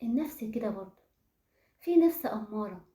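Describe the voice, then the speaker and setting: A woman's voice: on the high side, animated, fairly quick, mellow. A woman with an Egyptian accent gives a motivational talk, speaking straight to her listeners and asking them questions. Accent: Egyptian Arabic. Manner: asks the listeners rhetorical questions; addresses the audience directly. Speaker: self-awareness speaker. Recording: roomy echo.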